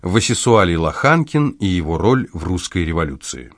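A man reading an audiobook in a measured, even delivery. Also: deep voice, no room sound, studio quality. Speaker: audiobook narrator. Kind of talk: scripted audiobook narration.

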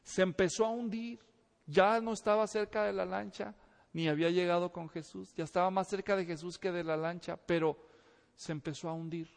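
A man preaching a sermon, telling a story in a lively way, acting out the voices and asking the congregation questions. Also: high-pitched, normal speed, vocal fry. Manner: animated storytelling, acts out voices, asks the audience questions. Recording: reverberant hall.

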